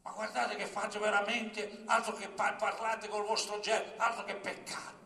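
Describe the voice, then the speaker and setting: Hoarse older priest in an echoey hall. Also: male voice, high-pitched, flat delivery, normal speed, recorded from a distance. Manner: swings between shouting and hushed, near-whispered asides. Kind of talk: impassioned public talk to a young audience. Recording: echoey hall with long reverb.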